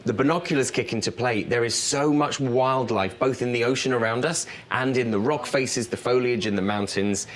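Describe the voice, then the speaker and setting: A man's voice: mid-range voice, normal speed, few pauses. A man working as a cruise director, speaking in an upbeat, effusive way in a conversational promotional interview. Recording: noisy with ambient background sound.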